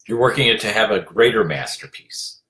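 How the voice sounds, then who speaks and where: A man giving an earnest motivational talk as a leadership coach, urging listeners on, repeating his phrases and filling pauses with "you know". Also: on the low side, animated, pushed and bright.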